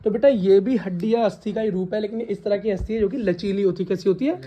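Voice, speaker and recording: A woman teacher runs a classroom science lesson with a warm, mellow voice. She keeps asking the class questions and has them repeat key words back to her, and she scolds students who laugh. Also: mid-range voice, fast. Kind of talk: classroom lesson with call-and-response.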